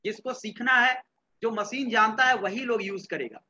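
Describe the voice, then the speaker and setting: Mixing English words into Hindi, a male computer science teacher from Bihar, India, keeps questioning his class and repeating what students say. His high voice is bright and forward, at a normal pace. The recording is dull and lo-fi, with a little hiss or hum.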